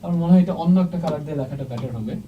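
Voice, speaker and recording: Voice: medium pitch, rapid-fire, far from the mic, lo-fi sound, noisy background. Teacher checking in with okay at every step. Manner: mixes English words into speech. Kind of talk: exam-prep lecture at a board.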